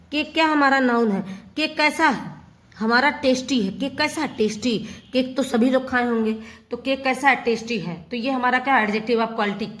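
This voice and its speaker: A woman's voice: high voice, fairly bright tone. A woman teaching a grammar lesson, asking questions and answering them herself with lots of repetition. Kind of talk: Hindi grammar lesson explaining English.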